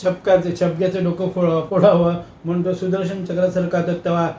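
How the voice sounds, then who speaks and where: A man telling a comic story in a lively, dramatic way. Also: sits high, normal speed, reverberant, a little hiss or hum.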